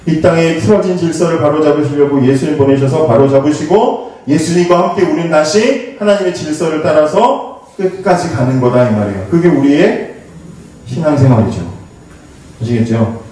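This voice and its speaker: A man preaching a lively youth sermon in a church. He talks to the teens like a conversation, asks them questions and acts out the lines he quotes. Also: a little high, a little fast. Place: church sanctuary. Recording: very echoey hall, voice from far off the mic.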